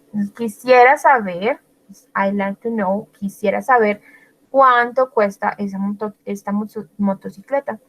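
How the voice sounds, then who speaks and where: A woman teaching English grammar in a bilingual lesson, explaining step by step, checking in often with her students, and slowing down to read out example sentences. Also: mid-range voice, rough recording. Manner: explains patiently, switching between Spanish and English, many check-ins.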